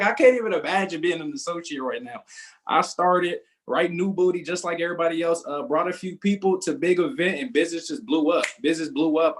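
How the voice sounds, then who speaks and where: A young man from Southern California training a sales team on a group call, upbeat and self-assured as he tells his own story. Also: on the high side.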